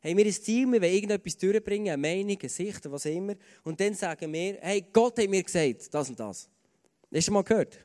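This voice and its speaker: Swiss german guy preaching, kinda high voice, chatty and earnest, lots of ums, long hall echo. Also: expressive, fast talker, a little mellow. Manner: earnest, conversational, with fillers and repeated starts. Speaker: pastor. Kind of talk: sermon with personal stories.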